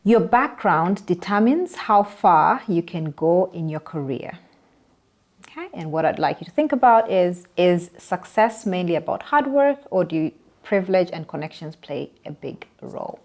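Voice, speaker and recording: A woman hosting a podcast, introducing the topic in a measured, inviting way and moderating the panel. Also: fairly low pitch, expressive, a little mellow, a little hiss or hum. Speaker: podcast host.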